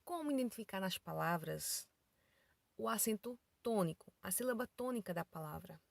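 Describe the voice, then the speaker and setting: A middle-aged Brazilian woman teacher giving an online grammar lesson, explaining slowly and carefully and spelling out letters and examples. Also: mid-range voice, animated, gravelly, no room sound. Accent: Brazilian Portuguese.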